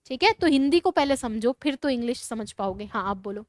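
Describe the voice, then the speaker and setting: A woman teacher with a Rajasthani Hindi accent, giving a classroom lecture in a brisk, scolding way and urging students to write fast. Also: a little high, expressive, no echo.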